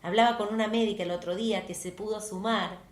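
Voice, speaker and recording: Argentine woman, therapist guest, expressive talker on a video call, roomy echo. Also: medium pitch, quick pace. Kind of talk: conversational interview over video call.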